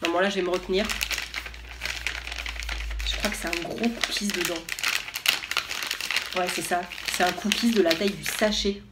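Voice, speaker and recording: A woman's voice: lowish voice, fairly even intonation, normal speed, pauses often, very noisy. A woman vlogger chatting casually and enthusiastically as she unboxes products, with lots of hesitation fillers.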